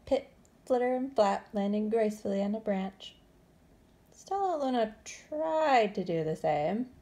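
A woman reading a children's story aloud expressively, with deliberate, dramatic phrasing. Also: mid-range voice, lively intonation, dark tone. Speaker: storybook reader.

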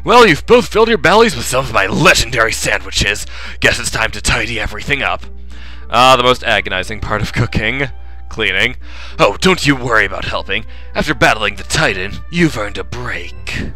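Man acting out eager young male game adventurer, easily flustered, swooping pitch, dramatic delivery, music behind. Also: moderate pace. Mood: sheepish, casual. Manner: expressive, dramatic, casual. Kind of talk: acted video game dialogue reading.

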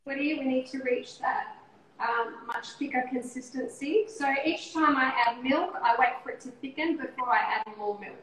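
Friendly woman in her thirties, slightly high voice, demonstrating a recipe in a roomy kitchen with faint background noise. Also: normal speed, a bit bright. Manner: friendly, narrating each cooking step. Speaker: cooking show co-host. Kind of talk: casual cooking demonstration. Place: home kitchen, indoors. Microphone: video call, laptop or phone camera.

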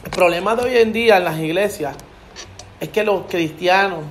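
A man with a high, bright voice tells faith stories in a lively, preachy way. He sounds like he is in an echoey room, with a faint hiss underneath. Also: normal speed. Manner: animated storyteller, preachy, acts out quotes. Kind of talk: casual faith testimony chat. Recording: echoey room with background noise.

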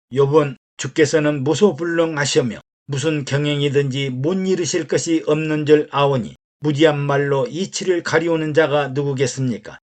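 A man, a pastor, reading a sermon that retells stories, in a measured, steady way. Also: a little high. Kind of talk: read sermon narration.

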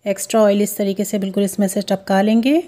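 A woman hosting a home cooking video, explaining each step of a recipe in a steady, instructive way. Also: mid-range voice, fast talker. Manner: steady, instructive, repeats steps. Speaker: cooking show host. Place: home kitchen.

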